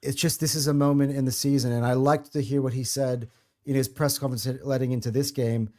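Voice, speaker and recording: A man's voice: medium pitch, level tone, fairly quick, warm tone. Guy hosting a football podcast, fired up, keeps restarting his sentences. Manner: passionate, rambling, many restarts. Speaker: podcast host. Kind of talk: casual football podcast chat.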